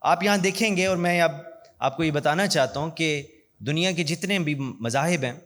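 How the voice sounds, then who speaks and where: Earnest guy giving a speech, fairly high voice, big hall with long echo. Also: fairly bright tone. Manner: earnest storytelling, slows for emphasis. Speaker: guest speaker. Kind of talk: inspirational speech mixing in English. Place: large university hall.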